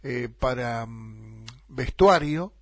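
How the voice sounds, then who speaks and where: A middle-aged man with an Argentine accent, hosting a radio interview and reminiscing in a halting way with fillers. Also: medium pitch, animated, fairly bright tone, no echo, studio quality. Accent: Argentine Spanish. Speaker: radio host.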